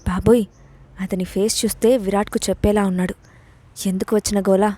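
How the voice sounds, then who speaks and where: A woman's voice: mid-range voice, fairly even intonation, a little fast, dark tone, no echo, close to an everyday voice. A woman voicing a feisty, defiant young woman. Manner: indignant, snapping back. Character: feisty young bride, defiant and hot-tempered.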